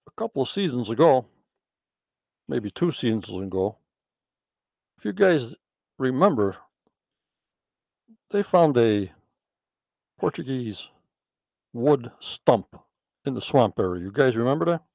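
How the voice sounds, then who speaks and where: A man hosts a casual live discussion and talks in a chatty, enthusiastic way, often repeating his praise. His voice sits at an average pitch. The sound is dry and close. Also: very animated, measured pace, vocal fry, pauses often, darkish tone, dry recording. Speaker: podcast host.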